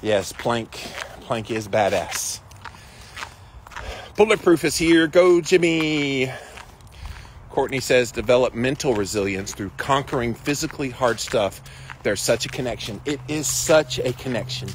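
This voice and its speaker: A man's voice: medium pitch, expressive, a little slow, slight background noise. A man hosting a casual livestream, reading out and answering viewer comments in an encouraging, emphatic, colloquial way. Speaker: livestream host of a daily ice bath challenge.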